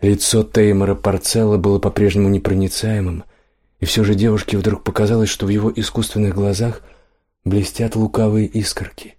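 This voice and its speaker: A male narrator reads a fantasy audiobook in a steady, even storytelling voice. His voice sits on the low side for a man. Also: fairly quick.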